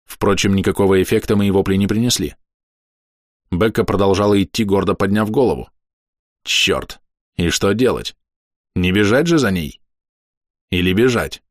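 Low-voiced man reading an audiobook. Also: moderate pace, pauses often, no room sound, studio quality. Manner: expressive, lively reading. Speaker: audiobook narrator. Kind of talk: first-person audiobook narration.

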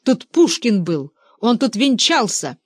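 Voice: medium pitch, big pitch swings, slow pace, breathy edge, dry recording, studio quality, heavily acted. A narrator voicing a stubborn, simple-minded young man who rambles in rustic, colloquial speech. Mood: rambling.

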